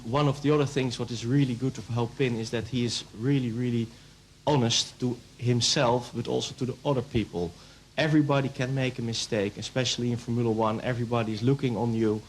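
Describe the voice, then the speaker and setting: Earnest team manager. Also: male voice, mid-range voice, steady tone, a little fast, few pauses, slight background noise, rough recording. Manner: earnest, non-native phrasing. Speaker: driver's manager. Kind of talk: interview answers.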